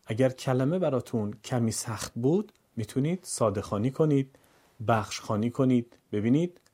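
A man teaching Quran reading in a patient lesson voice, drawing out each syllable slowly when he demonstrates. His tone is dark and mellow, and his pitch sits in an ordinary middle range. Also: animated, slightly rough. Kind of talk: instructional lesson narration.

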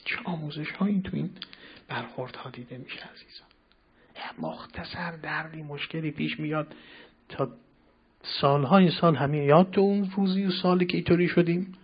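A man preaching a scripture sermon, reciting verses slowly and then explaining them in a conversational way, moving between soft asides and loud, emphatic passages. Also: fairly high pitch, slightly rough, lo-fi sound. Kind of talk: Quran exegesis sermon.

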